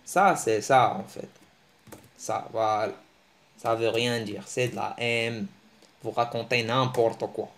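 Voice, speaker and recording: A man giving a casual, joking online language lesson, teasing his viewers and breaking into animated bursts. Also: slow pace. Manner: joking, animated, teasing, with sudden pitch jumps. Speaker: language teacher.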